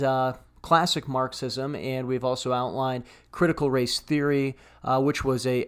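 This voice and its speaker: A man's voice: medium pitch, smooth. Wry man co-hosting a podcast. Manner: wry, reads passages aloud and comments on them. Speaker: podcast co-host. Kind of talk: casual podcast discussion.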